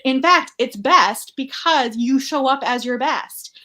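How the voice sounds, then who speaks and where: A woman's voice: sits high, slow, sharp tone. Chatty, upbeat woman podcast guest. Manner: upbeat, chatty, many "like" fillers. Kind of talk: casual conversational interview.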